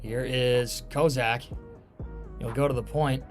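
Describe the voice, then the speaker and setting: A man calling live lacrosse play-by-play as a commentator, given to excited shouted goal calls. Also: medium pitch, slow pace, faint music behind.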